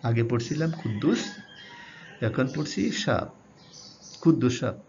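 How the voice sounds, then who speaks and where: A man teaching English grammar to students. He draws out the English example words slowly and asks the class questions. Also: medium pitch, darkish tone. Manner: addresses students directly, asking questions. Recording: dull lo-fi sound with faint hiss.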